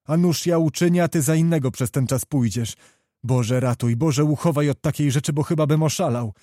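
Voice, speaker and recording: A man's voice: a little high, fairly quick, warm tone, dry recording, clean studio sound, close to an everyday voice. A man doing a fiery young knight pleading. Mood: impassioned.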